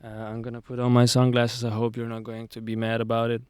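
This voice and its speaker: A man's voice: medium pitch, quick pace, clean tone, dry recording, studio quality. Young man rambling on a sunny hill. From Zurich, Switzerland. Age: 20s. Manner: relaxed, rambling, many fillers and restarts. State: sweaty in the heat. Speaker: podcast host. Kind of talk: casual solo monologue.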